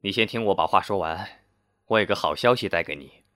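A man voicing a calm, friendly middle-aged police chief who explains things at length in a smiling, reassuring way. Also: low voice, brisk, no echo, studio quality.

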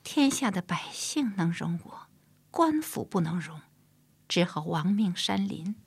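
A woman's voice: lowish voice, sing-song, measured pace, husky, no room sound, heavily acted. A woman voicing a proud, bitter young woman outlaw who pleads her case plaintively.

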